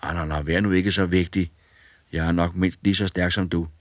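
A man voicing a fearless, cheeky boy in an audiobook fairy tale, bright and eager. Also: sits low, steady tone, dry recording, clean studio sound, natural voice. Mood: cocky. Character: fearless, cheeky young boy who cannot feel fear.

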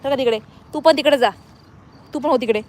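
A woman's voice: high-pitched, fairly quick, a little mellow. A woman vlogging outdoors, coaxing and scolding her pet dogs in a casual way.

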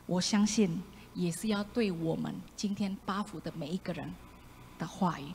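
A woman with a lowish voice delivers a sermon at normal speed as the congregation reads along, recorded in an echoey church hall with faint room noise. Her delivery is animated: she voices the prophet and drops abruptly into whispered or loud asides.

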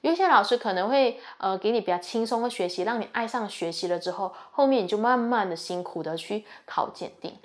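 A woman's voice: mid-range voice, brisk, hardly any pauses. A young woman from Malaysia, a university student chatting earnestly as she shares her experience and gives advice. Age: young adult. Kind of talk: casual advice talk.

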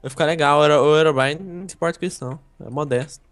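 A man's voice: a little high, racing, over music. A man co-hosting a gaming video, joking and teasing his partner in casual banter. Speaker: gaming channel co-host.

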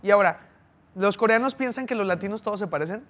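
A man's voice: high-pitched, fast talker, a bit bright. A Mexican man hosting a casual chat, curious and asking many questions. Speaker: host.

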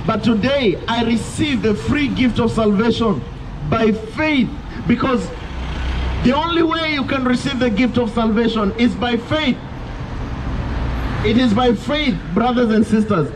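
A man's voice: extremely high pitch, measured pace. A young man preaching insistently on a street pavement through a handheld mic and speaker, heard from a distance with traffic around. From Kenya. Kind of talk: open-air street preaching. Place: roadside pavement outdoors by traffic. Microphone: handheld mic into portable speaker, filmed from afar. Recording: distant outdoor street recording with traffic noise.

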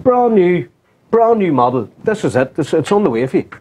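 A man's voice: fairly high pitch, sing-song, quick pace, a little mellow, slight background noise. A man with a Northern Irish accent hosting a casual sofa chat show, jokey and rambling.

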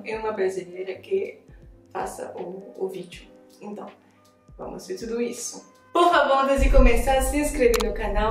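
A young woman from France with a French accent, a native French speaker, hosting a casual reaction vlog in a friendly, hesitant way from a home office, filmed by a camera in front. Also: a little high. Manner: friendly, hesitant phrasing with restarts. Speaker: reaction vlogger. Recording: roomy echo, distant mic, music behind.

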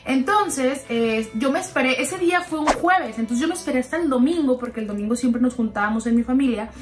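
A woman's voice: high-pitched, fairly quick. Chatty young woman telling gossip. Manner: chatty, confiding, keeps calling the listener "sister". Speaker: storytime narrator. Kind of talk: gossipy storytime narration over a slime video.

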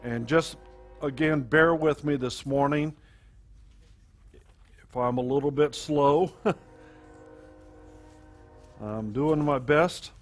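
Slow-spoken pastor at a pulpit microphone. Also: male voice, on the high side, soft background music. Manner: slow, halting delivery with many fillers and restarts. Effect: speaking into a pulpit microphone. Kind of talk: sermon to a congregation.

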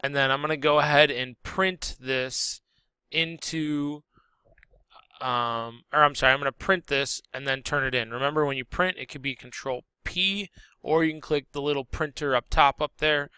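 A man teacher walking students through a software drawing tutorial step by step, relaxed and correcting himself as he goes. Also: fairly high pitch, moderate pace, clean tone, dry recording. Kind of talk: screen-recorded software tutorial.

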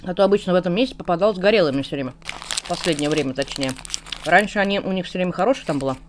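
A woman's voice: lowish voice, very fast, slight background noise. A woman vlogger chatting casually with her mouth full of food, talking between bites. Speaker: mukbang vlogger. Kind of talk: casual chat while eating.

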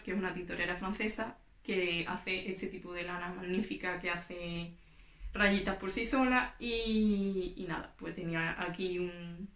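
A young adult woman from Spain, a knitting vlogger, chats casually to camera and explains as she handles her work. Her medium-pitched voice is fairly bright and sounds roomy, picked up by a camera in front of her at table distance in a small room before yarn shelves.

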